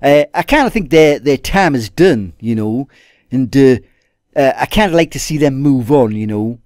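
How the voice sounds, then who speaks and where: A man's voice: mid-range voice, expressive, normal speed, darkish tone, no room sound, studio quality. A man giving a casual spoken review to his viewers. He hesitates and restarts often and calls them "guys". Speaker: TV episode reviewer. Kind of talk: casual video review monologue.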